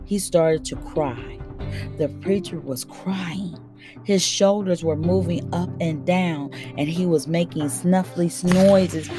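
A woman reading a children's novel aloud in a steady, plain storytelling manner. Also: fairly low pitch, takes it slowly, music in the background. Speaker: audiobook reader.

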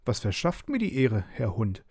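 A man's voice: medium pitch, huge pitch swings, moderate pace, darkish tone. A man voicing a small, cheeky, fearless creature in a bedtime storybook reading, with a chirpy, mock-polite manner.

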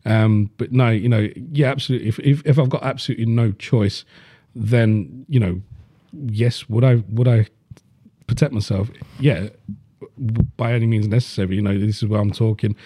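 Man, blunt and sweary, dark voice, dry close sound. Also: on the low side, fairly even intonation, moderate pace, dry recording. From Leicester, England. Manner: blunt, swears freely, many fillers. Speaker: podcast host. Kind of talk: casual chat.

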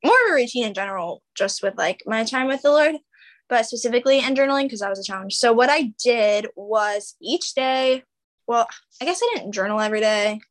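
Relaxed young woman co-host. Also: a little high, a little fast. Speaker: podcast co-host. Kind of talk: casual chat.

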